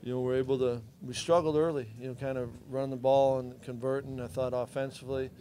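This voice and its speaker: A man's voice: medium pitch, little pitch movement, fast talker, warm tone, a little hiss or hum. A middle-aged man, a head football coach, giving plainspoken, understated answers at a postgame press conference.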